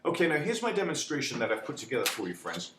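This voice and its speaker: A male instructor walks through a spreadsheet lesson in a chatty, theatrical way. His voice sits at an ordinary pitch. It is recorded in a noticeably echoey room with a faint hum behind it. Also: sing-song, fast talker. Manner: chatty, repeats "okay?", dramatizes panic. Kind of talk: spreadsheet tutorial.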